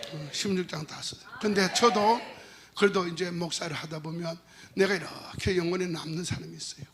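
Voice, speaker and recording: A middle-aged male pastor with an unusually high voice preaches a revival sermon in a church. He is playful and animated, often rising into shouted emphasis. A faint hiss sits under the recording. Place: church sanctuary.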